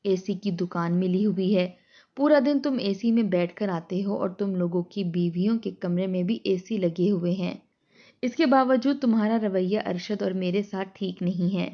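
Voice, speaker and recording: A woman's voice: mid-range voice, close to an everyday voice. Lady reading as a stern old dad scolding his sons, muffled-ish audio. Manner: stern, lecturing. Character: aging, unwell father, firm and protective.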